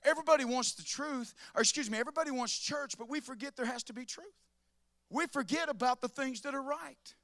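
A middle-aged man preaching a sermon as pastor, calling on people by name and rising to shouts. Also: very high-pitched, brisk, creaky, no room sound, studio quality. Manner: preacherly, calls on congregation by name, rises to shouting.

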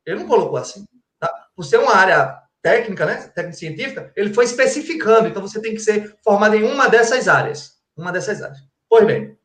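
A man's voice: high voice, expressive, quick pace, a bit bright. Didactic man in a roomy space. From Brazil, Pernambuco. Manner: didactic, colloquial, rhetorical questions, frequent "tá?" check-ins. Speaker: guest, forensic crime-scene expert. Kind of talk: explanatory conversational talk. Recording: roomy echo.

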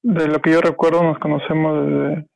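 A man's voice: on the high side, flat delivery, normal speed, vocal fry, no echo, soft background music, low-quality recording. A man, a podcast guest who talks hesitantly, with many fillers and restarts. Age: 30s. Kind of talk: casual podcast chat.

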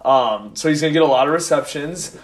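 A man co-hosting a casual fantasy football podcast, building his points slowly with many hesitations. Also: on the high side. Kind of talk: casual chat.

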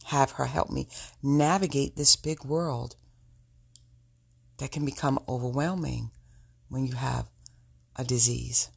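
A woman with a sultry, husky voice, speaking intimately and reflectively to her listeners as a solo podcast host. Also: extremely low pitch, fairly even intonation, slow, pauses often.

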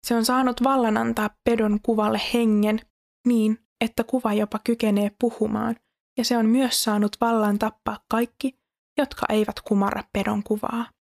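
A woman reads scripture aloud at a steady, measured pace. Her voice sits somewhat high but stays level and monotone, with a gravelly fry running through it.

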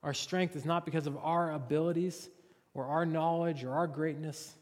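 A male pastor delivers an earnest, expository sermon. His voice sits high for a man. The recording carries the long, ringing reverb of a church sanctuary. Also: fairly even intonation, normal speed.

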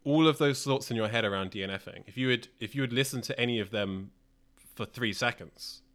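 A man co-hosting a podcast, reflective and a bit halting, with restarts as he thinks aloud. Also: medium pitch, a bit bright. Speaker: podcast co-host. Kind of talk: casual podcast chat.

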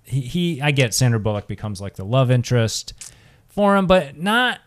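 A man's voice: medium pitch, very animated, normal speed. A man co-hosting a podcast in casual chat, rambling with many restarts. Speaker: podcast co-host.

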